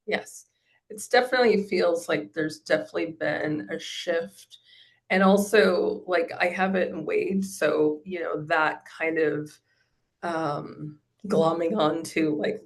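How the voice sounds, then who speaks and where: A woman in her forties with a fairly low voice, talking in a loose, rambling way. She circles through her thoughts with plenty of fillers and restarts, as in a relaxed video interview. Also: measured pace, gravelly. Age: 40s. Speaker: program client giving a testimonial. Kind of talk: casual interview.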